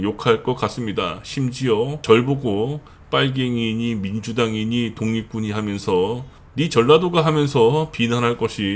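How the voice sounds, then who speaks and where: A middle-aged man from the Seoul area hosting his own channel, giving a chatty monologue full of fillers and emphatic repetition. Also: mid-range voice. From northern Gyeonggi and Seoul, South Korea. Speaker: channel host. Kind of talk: monologue commentary.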